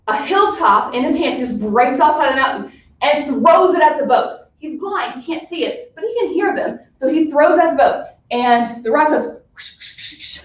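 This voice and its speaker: A woman teacher with a voice that sits high casually explains a story to her class, chatty and full of fillers. The recording is echoey and muffled.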